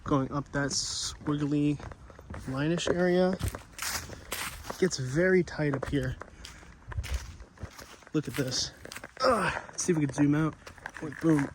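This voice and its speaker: A man's voice: a little high, slow pace, pauses often, background noise. A young man vlogging casually while walking outdoors, out of breath, chatty and easily amazed, joking at his own expense. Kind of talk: casual walk-and-talk vlog. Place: outdoors on a trail and city streets.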